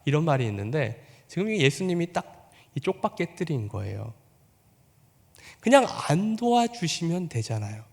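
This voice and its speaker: A man's voice: very animated, normal speed, vocal fry, in a large hall. A man preaching a sermon as pastor, putting on the voices of the people in the story and asking his congregation questions. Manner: acts out quoted voices with rising pitch and volume.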